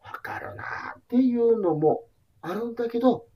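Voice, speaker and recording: A man in his forties with a Kansai accent, a comedian telling a film's story with lively acted-out quotes. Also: very high-pitched, moderate pace, slightly rough, lo-fi sound. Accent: Kansai Japanese. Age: 40s. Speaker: comedian reviewing a documentary film. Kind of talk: animated comic film talk.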